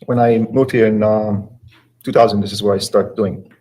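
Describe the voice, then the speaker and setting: A man in his forties from Poland with a Polish accent, giving quiet, hesitant testimony as a witness in a courtroom. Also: fairly low pitch, fairly even intonation, normal speed, low-quality recording. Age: 40s. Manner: quiet, hesitant, short answers.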